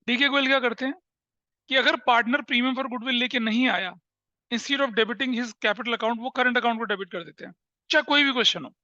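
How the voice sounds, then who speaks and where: A man with an Indian accent teaches accountancy in a classroom, explaining step by step, asking rhetorical questions, and mixing in English terms. His voice is extremely high-pitched, bright, and forceful, and the audio is dull with no room sound.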